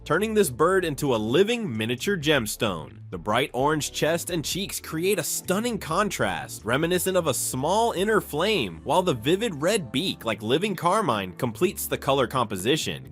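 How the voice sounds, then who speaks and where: A man narrates in a nature documentary style with a slightly high voice and very lively, swooping intonation. His delivery is scripted, descriptive and measured, with music playing behind him.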